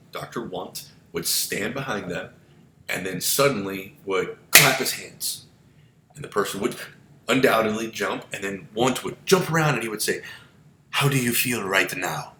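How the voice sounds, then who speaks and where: A male psychology instructor giving a chatty, digressive lecture full of asides and fillers. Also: bright, forceful tone. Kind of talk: informal recorded lecture. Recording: echoey room with low rumble.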